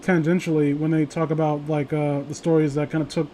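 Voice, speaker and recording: A male horror story show host with a fairly high, warm voice speaks a little fast with little pitch movement. He rambles in casual, foul-mouthed, joking chat about the stories, and the noisy home recording has clear background hiss.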